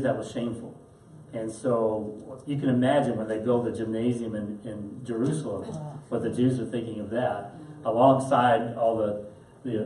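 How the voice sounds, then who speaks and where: A man leading a Bible study in a parish meeting room, talking in a chatty lecture style. His tone is mellow and dark. The sound is echoey and captured from a distance, with faint noise underneath. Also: mid-range voice. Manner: chatty, acts out quotes, chuckles often. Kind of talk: conversational lecture.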